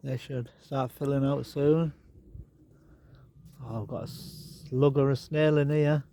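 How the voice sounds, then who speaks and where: His voice is mid-range, steady and dark, and he speaks slowly as he walks around his garden outdoors. A vlogger with a bit of a blocked nose, he rambles chattily through this casual tour, dropping wry asides. Birds and animals are heard in the background.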